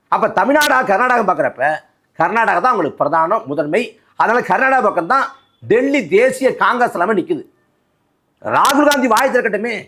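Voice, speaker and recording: A man from Nadu speaks as a party spokesman in a political interview, forceful and rhetorical and repeating phrases for emphasis. He has a high voice.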